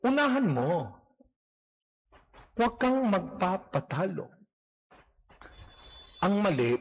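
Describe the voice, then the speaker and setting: Casting: priest, high-pitched voice, storytelling homily in church, light humor. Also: male voice, husky. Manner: storytelling with humorous anecdotes, mixing Tagalog and English. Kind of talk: homily at morning mass.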